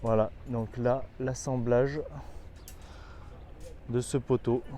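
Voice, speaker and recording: Man guiding a site tour, mellow tone, faint outdoor noise behind. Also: mid-range voice, flat delivery, takes it slowly. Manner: informal, explanatory, with hesitant fillers. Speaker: construction company guide. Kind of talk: on-site walkthrough narration.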